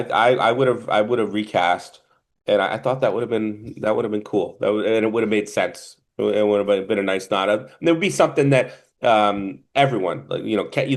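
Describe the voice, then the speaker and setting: A man with a New Jersey accent talks through a film review on a podcast, his voice sitting a bit low. He rambles, circling back and restarting his thoughts in a loose, casual chat. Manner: rambling, stop-and-start delivery. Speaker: podcast co-host.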